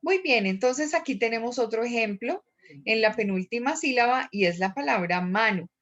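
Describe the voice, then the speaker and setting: A woman teacher giving a recorded lecture, explaining step by step with frequent pauses and fillers. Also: a little high, animated, fairly bright tone, dull audio.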